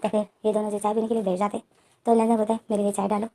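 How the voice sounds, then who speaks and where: Fast-talking woman retelling a fan story. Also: mid-range voice, level tone, mellow. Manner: breathless run-on narration, chaining events with "then". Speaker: story narrator.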